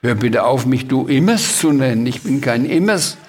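A man's voice: mid-range voice, animated, unhurried, a little mellow, slightly rough. A man doing a cheeky boastful little Sams. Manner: boastful, bossy.

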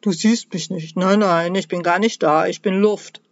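A woman's voice: on the low side, fairly even intonation, normal speed, no room sound, lightly acted. A woman voicing a small, frightened male Christmas elf who is a royal cook, whining and fretting as he talks, in a dull, dry recording. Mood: frightened wailing. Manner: whiny, fretful, jumpy.

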